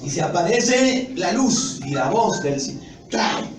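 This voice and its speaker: Male preacher, emphatic, somewhat high voice, recorded from afar in an echoey church with noise. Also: sing-song, unhurried. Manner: emphatic, rising to loud exclamations; asks the congregation questions. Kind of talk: sermon. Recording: echoey hall from a distance, noisy.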